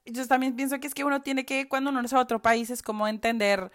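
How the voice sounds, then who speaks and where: Colombian woman, slightly high voice, animated, swears freely, casual podcast chat. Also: fast. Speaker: podcast co-host.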